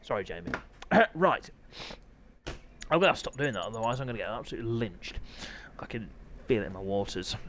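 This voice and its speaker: A man commentating live online races with an excitable, chatty manner, his throat sore and hoarse. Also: on the low side, brisk, pauses often, a little hiss or hum. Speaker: sim racing commentator.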